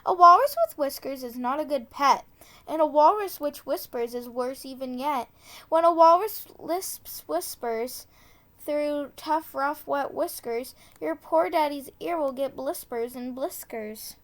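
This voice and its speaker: A woman with a high-pitched, fairly bright voice reads a children's tongue-twister storybook aloud, slowly and deliberately. She steps carefully through the tricky words and corrects herself when she trips. Casual asides slip in between the rhymes.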